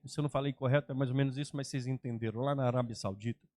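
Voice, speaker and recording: A man, a pastor preaching a personal testimony sermon, acting out dialogue and swinging between loud outbursts and hushed lines. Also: mid-range voice, steady tone, racing. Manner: dramatic, acts out dialogue, swings from shouting to hushed.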